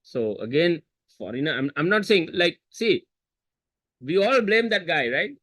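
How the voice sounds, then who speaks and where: A man's voice: a little high, sing-song, unhurried, fairly bright tone, no echo. A man teaching a history seminar over a video call, repeating key terms and quizzing students with chatty asides. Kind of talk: online seminar lesson. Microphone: computer mic on video call.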